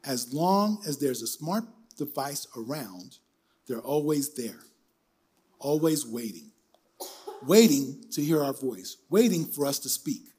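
Husky, animated older male preacher. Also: on the high side. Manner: animated, emphatic preaching with call-and-response. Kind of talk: sermon.

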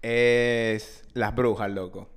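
A man's voice: medium pitch, fairly even intonation, extremely slow, clean tone. A man with a Dominican accent telling anecdotes as a podcast co-host in casual, slangy talk, often repeating and interrupting himself. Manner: slangy, repetitive, self-interrupting.

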